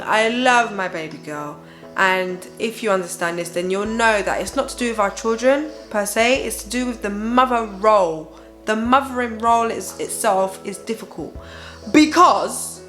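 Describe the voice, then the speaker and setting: A woman's voice: mid-range voice, fairly bright tone. A young woman, an exhausted mother, chatting candidly and emphatically to her viewers about her feelings, checking in with them as she goes. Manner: exhausted, weary parent venting candidly. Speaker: parenting vlogger and host, mother of a baby. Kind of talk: casual confessional chat to viewers.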